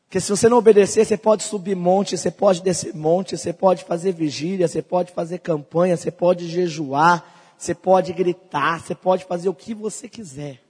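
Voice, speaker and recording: A young pastor preaches a sermon in a very high, husky voice. His delivery swings between soft, close asides and loud, ringing calls. It is all heard through the long echo of a big hall. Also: steady tone, moderate pace. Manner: preaching with swells from quiet to loud.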